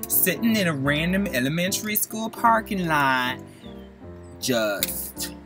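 A man in his twenties rambling in a goofy, mock-dramatic comic monologue from his parked car, recorded on a laptop. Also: mid-range voice. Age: 20s. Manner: goofy, mock-dramatic, jumps between silly voices. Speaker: vlogger. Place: parked car in a parking lot. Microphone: laptop mic.

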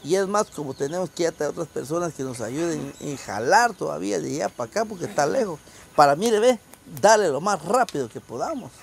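Outdoors in a rural wooded yard, a charity vlog host with a Guatemalan accent explains things casually to the camera and a group, recorded on a handheld phone. His voice is fairly high, animated, fairly quick, and creaky, with a little hiss or hum in the audio.

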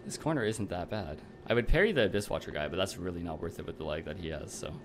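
A man's voice: sits low, big pitch swings, fast. A man giving casual, slangy and wry commentary as he plays a video game. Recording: clear background noise, game ambience.

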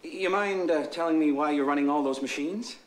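A man's voice: a little high, a little fast, close to an everyday voice. An actor playing an awkward, puzzled middle-aged suburban father in a family film, hesitant in his speech. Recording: noisy room, clicks.

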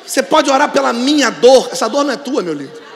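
A man pastor with a Brazilian Portuguese accent preaching a sermon in a large church, calling on the congregation to repeat after him and rising to shouted declarations. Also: very high-pitched, sing-song, fast, vocal fry, in a large hall, a faint crowd. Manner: preaching with call-and-response, building to shouted declarations.

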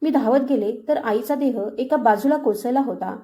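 A woman reads a heartfelt first-person story in a steady, scripted narration. Her voice sits fairly high but sounds mellow and soft, not bright. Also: normal speed.

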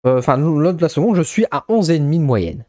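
A man's voice: fairly high pitch, big pitch swings, quick pace, mellow, dry recording, studio quality. Shy young man with a Ch'ti accent. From northern France. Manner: hesitant, many restarts. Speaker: vlogger. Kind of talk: casual vlog.

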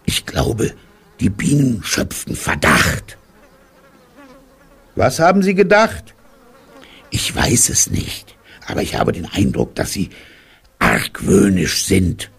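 A man voicing a slow, ponderous bear. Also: sits low, huge pitch swings, fairly bright tone, voice pushed up, full character voice. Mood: worried. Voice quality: gravelly, husky. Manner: slow, earnest musing. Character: slow, thoughtful, naive honey-loving male bear. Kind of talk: audiobook character reading.

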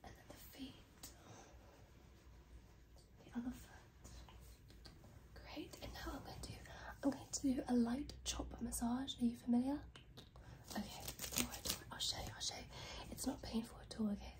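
A woman's voice: on the high side, steady tone, moderate pace, long pauses, rough recording. A young woman doing a whispered role-play as a massage therapist, murmuring short, reassuring phrases to a client. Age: young adult. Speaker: ASMR performer playing a massage therapist. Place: small bedroom, indoors.

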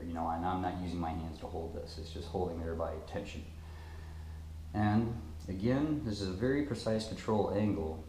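A man's voice: deep voice, a little mellow, a little hiss or hum. A young man casually demonstrating a tool he made, talking in a rambling, self-deprecating way with lots of fillers, recorded in a garage. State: sweating. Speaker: maker demonstrating his own tool. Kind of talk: casual product demo. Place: garage, indoors. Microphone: camera mounted close in front. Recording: echoey garage room.

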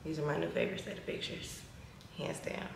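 A woman's voice: brisk, background noise. Chatty woman in her twenties, echoey. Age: 20s. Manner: chatty, animated, uses slang. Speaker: vlogger. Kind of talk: casual vlog chat. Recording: echoey room, recorded from a distance.

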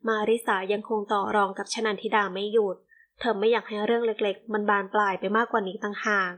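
A woman with a mid-range voice narrates a novel as an audiobook reader, keeping her delivery steady and measured.

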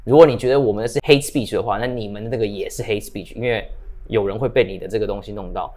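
A man's voice: fairly low pitch, steady tone, quick pace, darkish tone. A man in his thirties co-hosting a casual talk show, telling stories with English phrases mixed in. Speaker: co-host. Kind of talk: casual political chat.

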